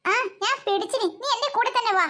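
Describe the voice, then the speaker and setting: A woman's voice: very high voice, a little fast. A woman voicing a bossy, teasing older sister in a cartoon. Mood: snappy. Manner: snappy, teasing. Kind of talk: cartoon voice acting.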